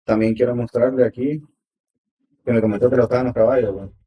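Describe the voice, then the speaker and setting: A man, hosting a podcast interview with steady agreeing replies. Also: medium pitch, quick pace, breathy edge, muffled recording. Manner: affirming, frequent "ujú" backchannel. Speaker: podcast host. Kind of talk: casual interview talk.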